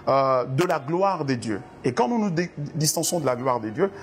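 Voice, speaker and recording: A pastor from the Democratic Republic of the Congo answers interview questions about church doctrine, earnest and preacherly, often hesitating and repeating words. His voice is on the high side and expressive at a normal speed, with slight background noise.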